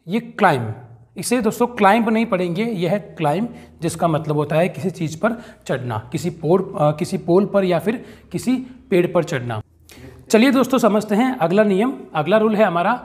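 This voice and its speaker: A man, teaching an English lesson step by step and calling his viewers friends. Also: sits high. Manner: explains rules step by step, addresses viewers as friends.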